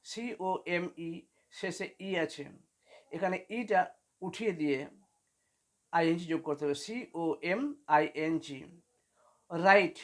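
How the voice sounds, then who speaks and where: A woman teaching an English spelling lesson for beginners, patiently spelling words out letter by letter. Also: fairly low pitch.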